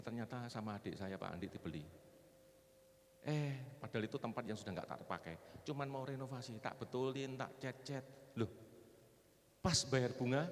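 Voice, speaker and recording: A middle-aged man preaching, at an ordinary mid pitch. He quizzes the congregation, rising into loud declarations and then dropping into hushed personal testimony. The voice carries a long reverb tail from a large church hall. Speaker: pastor. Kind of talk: sermon.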